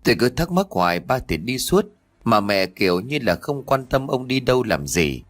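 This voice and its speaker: A grown, rowdy son in an audio story, played by a male narrator. He grumbles, puzzled and resentful, in a lively, everyday voice. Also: medium pitch, moderate pace. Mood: complaining. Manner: complaining.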